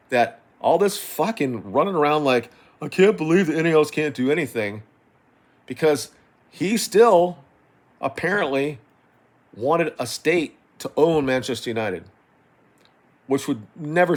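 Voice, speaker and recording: A middle-aged man giving an unscripted football opinion rant as a fan, rambling and halting, exasperated, doubling back on himself and swearing. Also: medium pitch.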